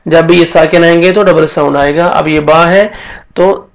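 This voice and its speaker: High, gravelly-voiced male Quran teacher. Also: steady tone, low-quality recording. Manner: patient, explains letter by letter, then chants verses slowly. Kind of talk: tajweed lesson with slow chanted recitation.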